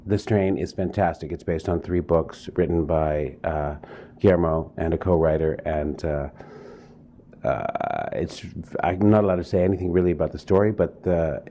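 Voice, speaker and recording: A man's voice: low voice, normal speed, warm tone, a little hiss or hum. A man, an actor, chatting in an interview, rambling with many fillers and restarts. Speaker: actor guest. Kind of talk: casual interview chat.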